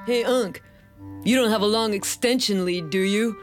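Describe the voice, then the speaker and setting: A woman's voice: mid-range voice, normal speed, lightly acted. A woman voicing a laid-back, show-off teenage male cousin in a cartoon who talks in breezy slang. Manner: breezy slang, keeps saying totally cool. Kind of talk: cartoon voice acting. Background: music.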